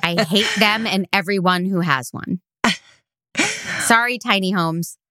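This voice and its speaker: A woman's voice: medium pitch, unhurried, pushed and bright, dry recording, studio quality. An American woman co-hosting a podcast in casual chat, teasing and firm in her opinions. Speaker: podcast co-host.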